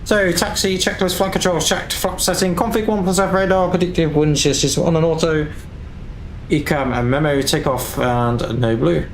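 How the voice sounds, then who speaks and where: Male sim pilot, cockpit callouts and readbacks, gravelly, faint engine rumble behind. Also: steady tone. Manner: brisk clipped checklist callouts. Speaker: flight simulator streamer flying as pilot.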